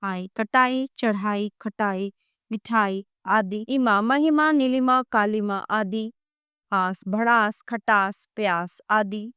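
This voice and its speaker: A woman narrating a grammar textbook in a slow, measured reading, listing example words one at a time. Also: medium pitch, a bit bright, smooth, no room sound. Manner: reads word lists one by one, measured.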